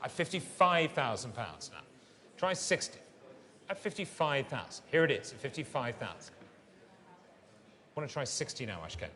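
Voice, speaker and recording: A man's voice: mid-range voice, big pitch swings, moderate pace, pauses often, pushed and bright. A man working as a fine art auctioneer, calling and repeating bids in polished, courteous patter in a large saleroom. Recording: long reverberant hall sound.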